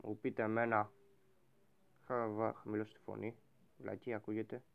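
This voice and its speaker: A man playing a game and role-playing a bossy pirate captain who shouts orders at his crew. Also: lowish voice, little pitch movement, gravelly, narrow, tinny audio. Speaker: gaming YouTuber. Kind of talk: Minecraft role-play commentary.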